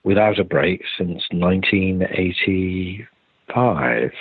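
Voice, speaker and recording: Speaking slowly with a breathy edge, an older man uses a low-pitched voice with lively intonation. He is being interviewed as a theatre director over a remote podcast call, rambling hesitantly and starting sentences over. The recording has a roomy, thin, phone-like quality.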